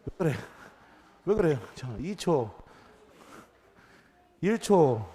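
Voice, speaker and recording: Priest, male, leading a children's homily; unhurried, teasing delivery that echoes through the hall. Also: on the high side, very animated, warm tone. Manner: playful, counts down and teases the children. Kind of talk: children's mass homily with a quiz game. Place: church. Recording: reverberant church hall.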